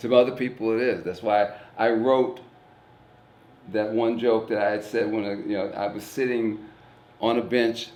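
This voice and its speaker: A man's voice: lowish voice, steady tone, moderate pace, darkish tone. Earnest guy from east st louis, plain talk, swears easy, roomy echo on the mic. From East St. Louis, Illinois. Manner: earnest, plainspoken, swears casually, repeats words while thinking. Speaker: guest comedian. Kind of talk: casual reflective conversation.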